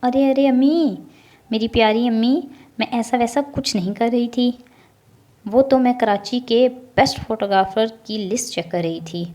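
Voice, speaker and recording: A woman voicing a cheeky, lazy teenage girl who teases her family in a bubbly, higher voice, in a storybook reading. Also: warm tone, natural voice.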